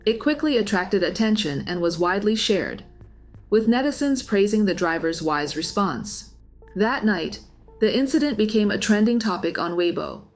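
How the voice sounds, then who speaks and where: Female documentary narrator, scripted news-story delivery, medium pitch, light music bed underneath. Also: animated, normal speed.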